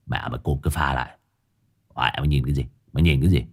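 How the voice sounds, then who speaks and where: A man's voice: a bass voice, very fast, breathy edge, pitched below the performer's own voice. A man voicing a loutish young man who swears and blusters at a dog, then whines when scared. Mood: threatening. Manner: coarse, swearing, grumbling. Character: gruff loutish young man, cowardly bully.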